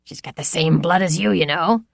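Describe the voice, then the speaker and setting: A woman's voice: normal speed, vocal fry, no echo, clean studio sound. A woman voicing a bellowing, overbearing old grandfather lord with brassy, jeering laughter in his voice. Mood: mocking. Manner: booming and jeering.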